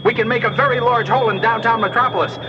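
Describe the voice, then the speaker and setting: An actor playing a gruff, wisecracking pilot in a 1980s audio drama, with a dry, clipped delivery. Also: male voice, extremely high pitch, steady tone, fast. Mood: grim. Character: gruff, wisecracking plane captain. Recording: dull cassette sound with engine noise.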